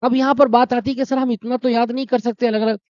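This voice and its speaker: A man's voice: extremely high pitch, little pitch movement, fast talker, a little mellow, dry recording. A man teaching a Hindi exam-prep lesson, explaining step by step, asking his own questions and answering them, and calling his students brother and friends. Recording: dry, dull lo-fi sound.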